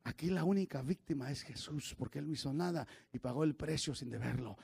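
Gravelly pastor shouting and murmuring by turns. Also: male voice, brisk. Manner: swings from shouted preaching to low confiding asides. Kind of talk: sermon.

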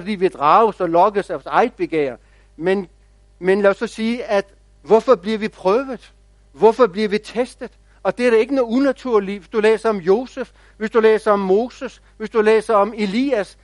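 A man pastor preaching a sermon, telling stories in a measured, reflective way with quiet pauses. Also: sits high, no room sound.

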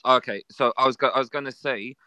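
Bright, clear-voiced man. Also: medium pitch, fast, no room sound, lo-fi sound. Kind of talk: casual panel discussion.

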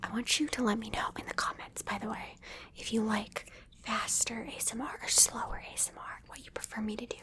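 A woman speaks almost entirely in a soft, breathy whisper, slightly higher than most women. She is playful and coaxing as she gives the listener one small instruction after another. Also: fairly even intonation, fairly quick. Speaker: ASMR creator. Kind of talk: whispered ASMR attention-test role-play.

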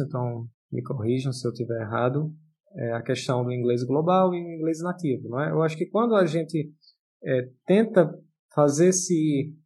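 A man co-hosting a podcast, speaking in a measured, reflective way with many fillers. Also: mid-range voice, darkish tone, husky. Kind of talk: casual discussion.

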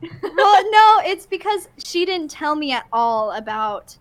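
A woman guest from a true crime podcast, talking earnestly and quickly. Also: very high-pitched, sing-song, rough recording. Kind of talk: casual chat.

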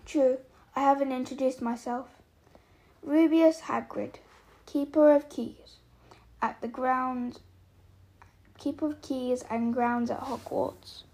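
A woman reading aloud and voicing a huge, shaggy male giant who talks in a rough, homely way and is gruff but kind. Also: high voice, fairly even intonation, slow, long pauses, warm tone, exaggerated voice. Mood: friendly.

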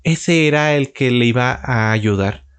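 A man telling a religious story in an unscripted way, pausing often with filler sounds as he goes. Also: medium pitch, a bit bright, smooth.

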